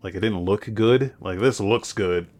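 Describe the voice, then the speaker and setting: A man with a fairly low voice riffs on games as a podcast co-host. He rambles loosely and swears casually. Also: measured pace, darkish tone. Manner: laid-back, rambling, swears, laughs along. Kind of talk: casual gaming chat.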